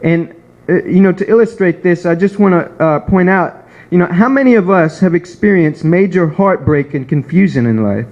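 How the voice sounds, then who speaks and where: A man delivering a prepared sermon as a beginner preacher, in an earnest, measured way. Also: high voice, a little mellow. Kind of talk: prepared sermon, read from a script. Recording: dull, lo-fi recording.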